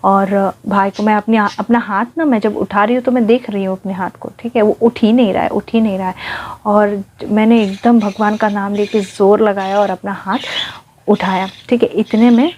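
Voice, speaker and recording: A woman vlogger casually recounting her own ghost experience, speaking very softly and mixing in English words. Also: medium pitch, fairly even intonation, normal speed, lo-fi sound, slight background noise. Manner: speaks very softly, near a hush; mixes in English words, frequent fillers like okay. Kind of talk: casual first-person storytelling.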